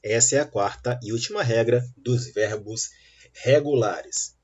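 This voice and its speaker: This mid-range male voice is a little mellow with a slightly rough edge. In a dull lo-fi recording, he patiently and slowly explains English grammar, checking on his students with a rising "tá bom?".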